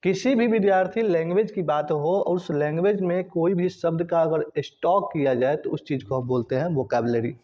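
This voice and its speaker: Man, high voice, English teacher, repeats points, checks on students, dull lo-fi audio. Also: normal speed, hardly any pauses. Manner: addresses students directly, repeats and checks understanding. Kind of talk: classroom lesson.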